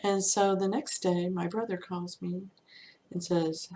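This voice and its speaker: A woman's voice: lowish voice, steady tone, measured pace, dark tone, slight background noise, poor audio. A woman teaching manifestation through casual, chatty storytelling, often saying "you know" and laughing lightly.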